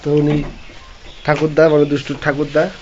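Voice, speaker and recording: A man's voice: on the high side, completely flat delivery, normal speed, warm tone. A man chatting casually in a home vlog, rambling with many restarts. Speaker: vlogger. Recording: dull lo-fi phone audio with faint noise.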